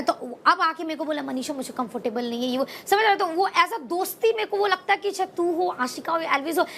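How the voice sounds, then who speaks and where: High-pitched woman, insistent, with hissing noise. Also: fairly bright tone. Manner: emphatic, insistent, repeats herself. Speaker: reality show contestant. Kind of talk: heartfelt casual argument.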